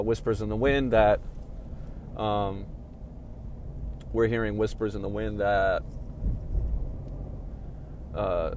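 A man's voice: medium pitch, a little mellow, slight background noise. A man talking casually at home about fight news, rambling and yawning as he goes. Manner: rambling, yawning, laid-back. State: sleepy, yawning. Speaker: MMA commentary vlogger. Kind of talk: casual solo talk. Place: home room with sunny window.

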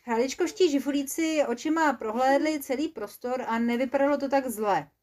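Woman telling a kids' story, playful, lively, fairly high voice. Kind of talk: children's story narration.

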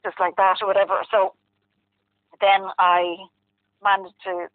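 A woman's voice: mid-range voice, little pitch movement, a little slow, no echo. A woman with a west of Ireland accent, telling a personal story casually and candidly in a rambling, conversational way full of filler phrases. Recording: muffled, dry phone-like line.

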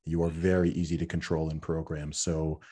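A very low, dark-toned man with a husky edge to his voice. He talks earnestly as a podcast guest, restarting and repeating words as he goes, with short laughs between points. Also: flat delivery, brisk. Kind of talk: casual interview talk.

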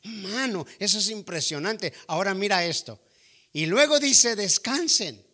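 High, bright-voiced male preacher. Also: lively intonation, measured pace. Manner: emphatic, addresses listeners as brother; asks rhetorical questions. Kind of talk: sermon.

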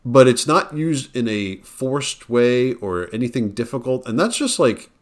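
A man's voice: mid-range voice, animated, measured pace. Man chatting eagerly about books. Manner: emphatic, admiring, builds points with repeated words. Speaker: podcast co-host discussing books. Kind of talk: casual chat.

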